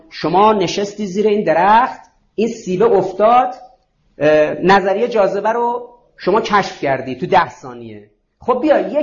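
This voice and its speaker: Man, high voice, rhetorical lecture, dull lo-fi recording. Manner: rhetorical, questions and answers himself. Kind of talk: ideological lecture to students.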